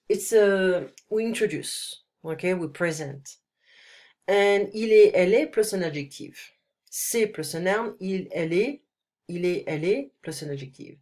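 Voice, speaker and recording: Her nose blocked by a cold, a deep-voiced woman with a darkish tone gives a one-on-one French lesson as a screencast voice-over on her computer mic. She's patient, shifting between the two languages and punctuating explanations with "ok?"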